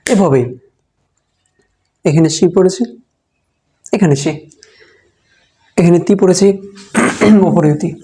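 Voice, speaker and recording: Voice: mid-range voice, slow pace, pauses often, warm tone. A Quran reading teacher giving a step-by-step recitation lesson, patiently repeating each letter sound aloud.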